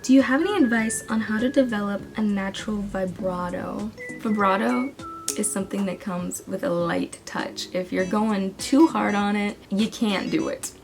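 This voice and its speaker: A woman's voice: mid-range voice, moderate pace, vocal fry, music in the background. A young woman talking casually in a vlog, giving singing advice with a chatty, self-deprecating manner and frequent laughs. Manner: chatty, self-deprecating, laughs often, breaks into sung demos. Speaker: singing vlogger.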